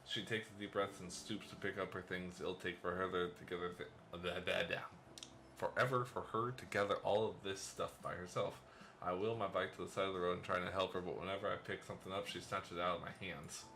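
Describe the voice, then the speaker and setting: Deep-voiced man reading a visual novel. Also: steady tone, fairly quick, bright, forceful tone, a little hiss or hum. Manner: first-person game narration, playful asides and chuckles. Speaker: let's play host.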